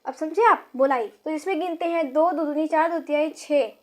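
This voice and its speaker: High-voiced woman teaching Hindi grammar. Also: normal speed. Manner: checks in with rhetorical questions and counts syllables aloud; repeats points, self-corrects. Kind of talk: classroom-style explanation.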